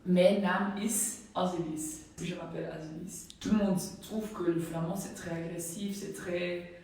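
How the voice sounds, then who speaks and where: Young woman, Flemish accent, relaxed chatty home tour, roomy echo, away from the mic, faint background ambience. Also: lowish voice, measured pace, slight background noise. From Belgium. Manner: relaxed, chatty, with many fillers. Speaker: volleyball player. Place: rooms of her home. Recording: echoey room from a distance.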